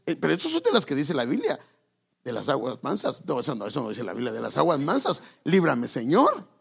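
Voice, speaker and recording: A pastor preaches a sermon on marriage in a slightly high voice with vocal fry and a breathy edge. He's conversational, speaking directly to his listeners and fixing his own words as he goes.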